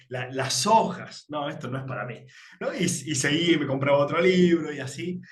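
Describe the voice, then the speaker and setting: A man's voice: fairly high pitch, roomy sound. A man in his forties with an Argentine accent, telling his personal story in a reflective way as a spiritual teacher in a workshop. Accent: Argentine Spanish. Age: 40s. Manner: reflective, with frequent filler tags and repetitions.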